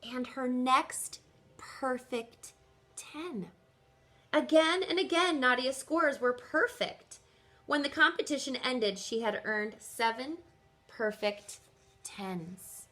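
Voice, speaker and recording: Reading aloud to children with plenty of expression, a woman teacher speaks straight to her young audience and asks them questions. Her voice sits high and she goes slowly.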